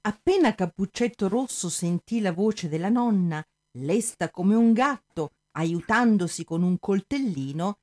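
A woman's voice: mid-range voice, expressive, unhurried, hardly any pauses, dark tone, no echo. Woman narrating a comic storybook play.

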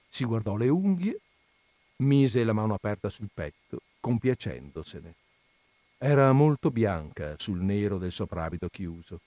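A man narrating a classic literary story in a measured, unhurried reading, recorded close to the mic. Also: lowish voice, dark tone, dry recording. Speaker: reader of literary stories.

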